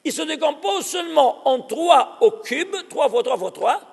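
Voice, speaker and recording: High-voiced animated rabbi in a hall. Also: male voice, unhurried, gravelly. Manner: animated, exclaiming, asks the audience questions. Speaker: rabbi teaching. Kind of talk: Torah lesson.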